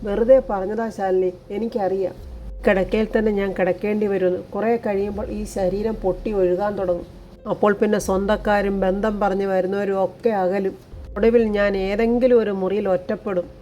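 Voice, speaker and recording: Woman voicing a sorrowful bedridden young mother for a serial retelling; mellow and plain-voiced. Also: medium pitch, fairly even intonation, moderate pace, muffled recording, a little hiss or hum, lightly acted. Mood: despairing. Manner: sorrowful, self-pitying.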